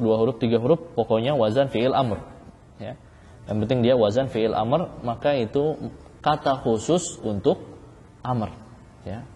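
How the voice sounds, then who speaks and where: Male ustadz lecturing, mellow voice, keeps repeating himself and asking the room questions, lots of hall echo. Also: medium pitch. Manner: explains by repeating key phrases, asks the class questions. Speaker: Islamic studies teacher. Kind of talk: classroom lecture on legal theory.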